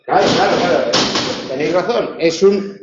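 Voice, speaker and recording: A man with a Spanish accent from Spain, tutoring a class, explaining step by step, correcting himself and often tagging his points with quick questions. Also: a little high, a loud crowd. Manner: explanatory, self-correcting, frequent tag questions. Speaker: university tutor. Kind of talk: lecturing in a tutorial. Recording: roomy, slightly dull classroom recording.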